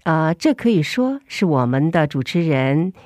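A woman's voice: sits low, big pitch swings, a little slow, a little mellow, no room sound, clean studio sound. A woman hosting a radio programme in casual talk, speaking through a face mask. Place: recording studio.

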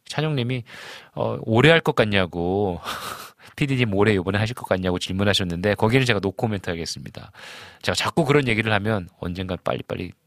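A man's voice: sits low, dry recording, studio quality. A man in his forties, a pastor hosting a live stream, reading out viewer comments and chatting casually with many fillers. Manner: chatty, warm greetings, frequent fillers and chuckles.

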